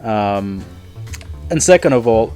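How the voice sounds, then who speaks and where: A man co-hosting a podcast in casual chat, animated and quick to laugh, often trailing off mid-sentence. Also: fairly low pitch, faint music behind. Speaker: podcast co-host.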